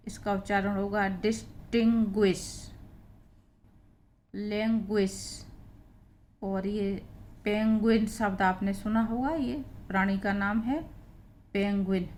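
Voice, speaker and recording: A woman's voice: mid-range voice, a little hiss or hum. A woman with a Hindi accent teaching English pronunciation rules, spelling out letters and patiently repeating example words. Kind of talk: blackboard lesson explaining spelling rules.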